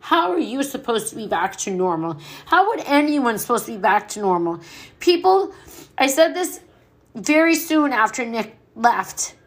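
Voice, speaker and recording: Blunt, mouthy grieving woman, slightly high voice. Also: big pitch swings, normal speed. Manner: blunt, mouthy, swears freely, emotional. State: grieving, short of breath at times. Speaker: podcast host. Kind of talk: personal grief monologue.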